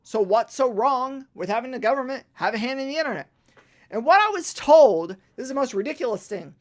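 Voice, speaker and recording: A woman's voice: fairly high pitch, lively intonation, fast. Exasperated woman ranting. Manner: exasperated, sarcastic, increasingly fired up; slightly tipsy from drinking. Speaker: vlogger. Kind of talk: casual ranting monologue.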